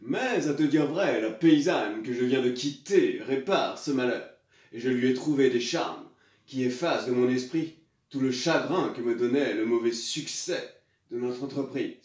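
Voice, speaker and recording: A man's voice: medium pitch, normal speed, a little mellow, close to an everyday voice. Man acting hammy, echoey, suave Don Juan. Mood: grandiose, scheming. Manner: hammy declaiming stage acting, pompous. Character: Don Juan, suave hypocritical nobleman seducer. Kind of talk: classical French theatre monologue. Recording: echoey room, far from mic.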